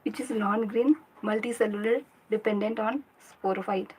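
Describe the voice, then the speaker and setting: This student livestreamer drills her notes slowly and repeatedly, then switches to quick chat with viewers in a mix of Hindi and English. She is a young Indian woman whose medium-pitched voice is steady and darkish. The low-quality recording carries slight background noise.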